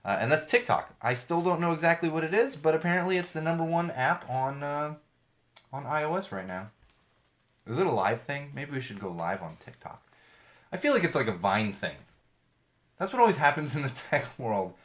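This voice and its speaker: On the high side and sing-song, with a slightly bright tone, this man's voice moves at a moderate pace. He's a podcast host doing casual solo talk, sarcastically ranting and swearing about tech and social media, sounding slightly off from an ear infection.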